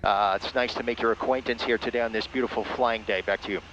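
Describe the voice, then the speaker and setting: Speaking fast in a steady, medium-pitched voice, a man flies a small plane while giving clipped procedural radio calls and narrating the trip. He is both a pilot and a ham radio operator, wearing an aviation headset. The audio is muffled cockpit radio sound over light engine noise.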